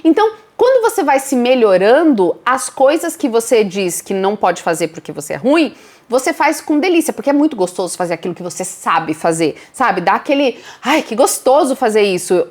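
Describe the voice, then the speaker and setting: Lively teacherly Brazilian woman. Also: a little high, fairly quick. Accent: Brazilian Portuguese. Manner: lively, teacherly, acts out her students' words. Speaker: co-host, speaking coach. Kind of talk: casual motivational talk.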